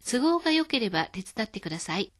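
A woman hosting a scripted radio lesson, explaining words calmly. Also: a little high, fast talker. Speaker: Chinese language teacher.

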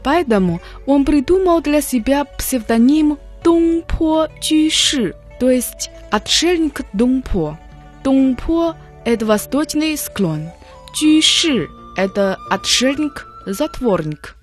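Woman on a radio lesson, high lively voice, real slow, bit of music behind. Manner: slow, careful explanations of words. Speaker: radio language lesson co-host.

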